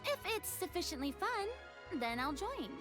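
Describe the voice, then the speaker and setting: A woman's voice: very high-pitched, very animated, normal speed. A woman playing a self-assured, theatrical young lady in a video game, airy and slightly pompous. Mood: haughty. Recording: music playing behind the voice.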